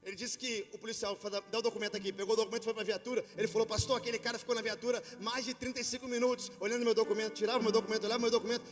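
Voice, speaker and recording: Brazilian pastor guy, high voice, storytelling then shouting the sermon, big reverb hall. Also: flat delivery, very fast, few pauses. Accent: Brazilian Portuguese. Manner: storytelling that builds to shouted preaching. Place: church hall with worship band. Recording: long hall reverb with faint music.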